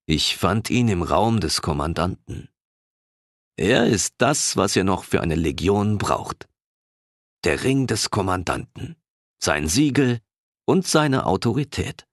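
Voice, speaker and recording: A man doing a calm, mysterious wanderer, deep. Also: no echo, clean studio sound, full character voice. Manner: calm, measured. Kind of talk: audiobook character reading.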